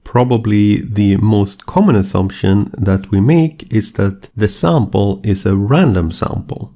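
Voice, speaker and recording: Male lecturer, low mellow voice, slightly gravelly, measured and explanatory. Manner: measured and explanatory, steady deliberate delivery. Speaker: statistics lecturer. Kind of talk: scripted lecture narration.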